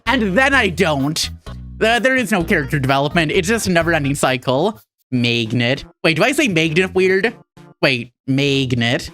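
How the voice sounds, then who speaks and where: A woman's voice: on the low side, expressive, brisk, a bit bright, soft background music. A woman from Minnesota with a Minnesotan accent, chatting irreverently with her chat while sewing on a livestream. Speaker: VTuber streamer. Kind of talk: casual craft livestream chat.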